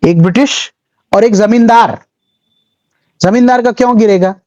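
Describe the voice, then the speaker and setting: Speaking at a measured pace in a high, somewhat mellow voice, with the highs cut off, a male history teacher for civil services exams gives a classroom lecture. He keeps it chatty, telling little stories, acting out scenes and mixing in English terms.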